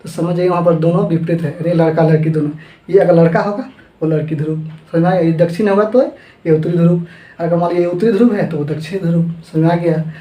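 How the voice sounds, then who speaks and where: Male physics tutor, high mellow voice, checks in with the class a lot. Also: steady tone, quick pace, reverberant, rough recording. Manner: explains with homely examples and keeps asking if students understand. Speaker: teacher. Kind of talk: physics lesson.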